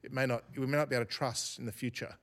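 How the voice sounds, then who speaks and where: A man speaking as a guest academic in an interview, reflective and unhurried, often restarting his sentences. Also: mid-range voice, fairly even intonation, fairly bright tone. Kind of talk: thoughtful podcast interview.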